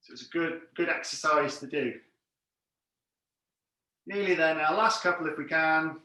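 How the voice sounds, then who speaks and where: Male exercise instructor, higher-pitched, encouraging and clear with cues and counts, heard from a distance in a heavily echoing room. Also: normal speed, sharp tone. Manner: encouraging, plain step-by-step cueing. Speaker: fitness class instructor. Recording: very echoey room, distant mic.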